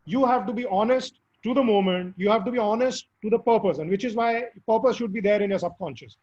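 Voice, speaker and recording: A man with a hoarse, squeaky voice from recent illness, answering interview questions earnestly and emphatically. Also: fast, darkish tone. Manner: earnest, emphatic advice with fillers. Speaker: guest speaker. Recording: dull lo-fi audio.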